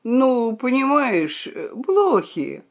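A fussy old rooster-veteran from a storybook, earnest and fretting, his voice lifting high when he pleads, as a woman reads him. The tone is warm and fatherly. He speaks slowly, with wide rises and falls. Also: big pitch swings, lo-fi sound, heavily acted. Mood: modest.

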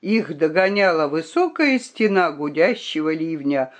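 Woman storyteller, slow storybook reading, lively melodic pitch. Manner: expressive, unhurried.

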